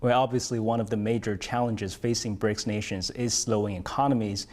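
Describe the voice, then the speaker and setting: A man's voice: on the low side, fairly even intonation, fairly quick, a little mellow. A man interviewing formally, putting prepared broadcast questions in an articulate way.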